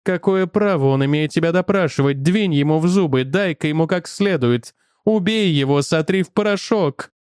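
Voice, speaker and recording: A man voicing a stern, mocking inner voice that urges a troubled man toward violence, speaking low and slow. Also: darkish tone, smooth, no echo, studio quality, lightly acted. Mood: goading. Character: stern menacing inner voice, male, urging violence.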